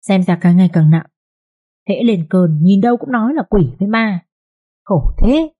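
A woman's voice: mid-range voice, lively intonation, moderate pace, breathy edge, phone-quality sound. A woman playing a sugary, scheming second wife. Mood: falsely concerned. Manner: falsely sweet, coaxing. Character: scheming second wife, sweet-voiced and cruel.

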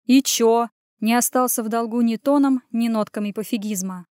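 A woman reading a first-person audiobook as a male hero, in a gruff, sardonic way. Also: fairly high pitch, a little fast, darkish tone, dry recording, clean studio sound. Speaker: audiobook narrator. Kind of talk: scripted first-person narration.

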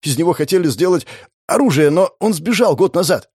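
A beaten, terrified thug babbles and begs in a stammering panic, as a male audiobook reader puts him on. His voice sits higher than the reader's usual tone. The sound is dry and close. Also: expressive, fairly quick, darkish tone, husky, dry recording. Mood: panicked pleading. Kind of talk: audiobook character voice.

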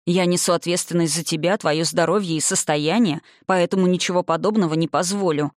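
A woman voicing a stern, commanding young man in an audiobook, speaking low and domineering with anger. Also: steady tone, fairly quick, dry recording, clean studio sound, natural voice.

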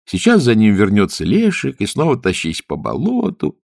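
Gravelly, husky male storyteller. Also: lowish voice, normal speed, dry recording, clean studio sound. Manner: expressive, hushed at times. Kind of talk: storybook narration.

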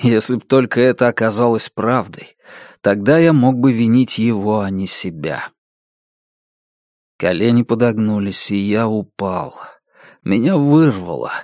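Man narrating a dark audiobook. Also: lowish voice, dry recording, studio quality. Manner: grave, measured storytelling. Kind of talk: first-person audiobook narration.

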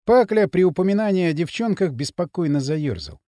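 A man's voice: high-pitched, animated, fairly quick, warm tone, no room sound. Male narrator, dramatic audiobook reading, dry close sound. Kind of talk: scripted narration.

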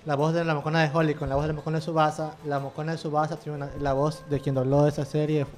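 A man's voice: on the high side, little pitch movement, fast, a little mellow. A man co-hosting an online radio show, giving blunt, opinionated takes. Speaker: radio co-host. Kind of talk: casual radio chat.

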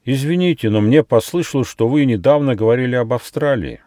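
A man voicing a proud, bitter female wild dog held captive, speaking slowly and with heavy emphasis. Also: medium pitch, dark tone, no room sound, clean studio sound, pitched above the performer's own voice, lightly acted. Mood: polite. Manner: scornful, slow and emphatic.

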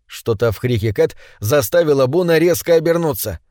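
A man narrating an audiobook with measured, dramatic reading. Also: a little high, animated, mellow, no room sound, clean studio sound. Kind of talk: scripted narration.

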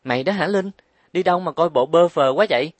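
A man's voice: mid-range voice, expressive, fairly quick, no room sound, close to an everyday voice. A man reading an audiobook, voicing a blunt, outspoken young woman who scolds and exclaims. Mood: surprised.

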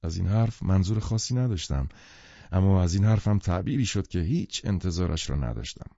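A man reading an audiobook novel in an expressive storytelling manner. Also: low-pitched, no echo. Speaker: audiobook narrator. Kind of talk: scripted audiobook narration. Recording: dull, dry lo-fi studio recording.

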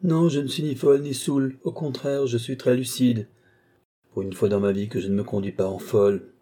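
A man's voice: medium pitch, steady tone, fairly quick, mellow, close to an everyday voice. A man reading an audiobook, voicing a bitter village woman who killed her husband, harsh and taunting.

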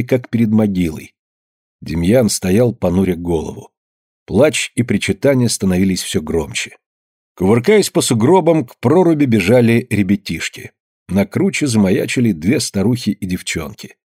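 A man narrating an audiobook in a measured, grave storytelling manner. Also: mid-range voice, darkish tone, slightly rough, dry recording, studio quality. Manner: measured, grave storytelling, slowing at somber moments.

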